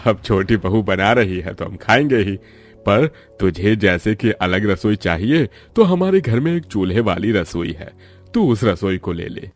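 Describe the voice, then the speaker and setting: A man doing a deep-voiced old father-in-law. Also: a little slow, soft background music. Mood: calm. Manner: calm and reassuring. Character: elderly father-in-law, patient and easygoing.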